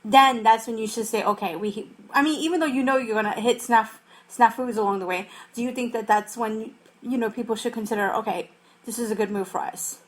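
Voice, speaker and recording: A woman's voice: on the high side, a little fast. A young woman hosting a podcast, asking long, rambling questions in a scatterbrained, casual way. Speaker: podcast host.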